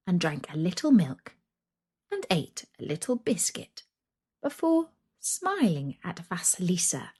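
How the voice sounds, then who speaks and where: With a fairly low, slightly mellow voice, a woman narrates a scripted children's story dramatically and deliberately, her breathy delivery broken by suspenseful pauses.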